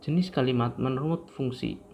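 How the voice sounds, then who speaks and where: A man's voice: medium pitch, moderate pace, creaky, a little mellow, slight background noise. A young man, a student, reading a grammar lesson aloud from his notes, stumbling and restarting words now and then. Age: young adult. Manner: reads from notes with frequent slips and restarts. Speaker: student presenter.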